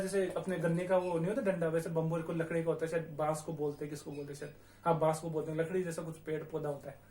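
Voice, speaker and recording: A young man with a fairly high voice teaches a language lesson with a light Rajasthani Hindi accent. He spells words out slowly and checks in with his students again and again. The room around him sounds echoey and bare. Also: darkish tone. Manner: repetitive, checks in often with "theek hai". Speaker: Spanish teacher. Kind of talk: classroom-style language lesson.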